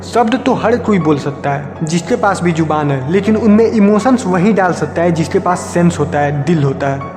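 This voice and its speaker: A man teaching communication tips as a scripted voice-over, speaking to the viewer in a steady instructive way. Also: sits high. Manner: steady instructive delivery, addresses viewer directly. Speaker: communication skills tutor. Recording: echoey hall with loud music.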